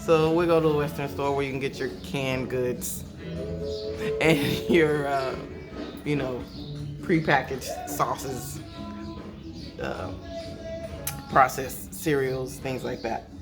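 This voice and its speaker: A woman's voice: extremely low pitch, steady tone, slow, pauses often, over music. A woman in her thirties with an American accent, chatting casually and slangily to her vlog viewers. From Los Angeles, USA. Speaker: vlogger.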